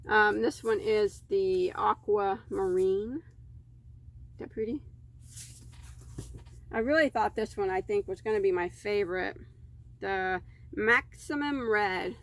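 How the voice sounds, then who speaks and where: A woman's voice: mid-range voice, takes it slowly, pauses often. A woman crochet vlogger chatting casually as she unboxes yarn, easily delighted and rambling in asides.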